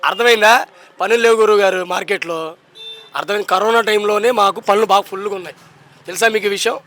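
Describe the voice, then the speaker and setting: A man's voice: high-pitched, steady tone, quick pace, bright, forceful tone. Fiery young man. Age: young adult. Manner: emphatic, combative, keeps repeating rhetorical questions. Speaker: interviewee in a street poll. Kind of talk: impassioned political street talk.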